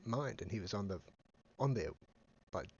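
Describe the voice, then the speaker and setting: A man's voice: fairly low pitch, animated, moderate pace, slightly rough, muffled recording. A young man co-hosting a podcast, chatting in a laid-back, joking way and laughing often. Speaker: podcast co-host. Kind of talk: casual chat.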